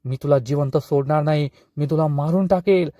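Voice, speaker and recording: A man playing an angry young man who shouts threats while protecting his sister. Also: on the high side, normal speed, no echo, clean studio sound, natural voice. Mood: furious.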